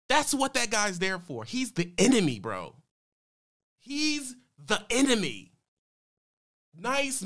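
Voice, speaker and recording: A man's voice: extremely high pitch, a bit bright. A man streaming, reacting to a clip and ranting heatedly, talking back at it and calling people bro and man. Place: home streaming room.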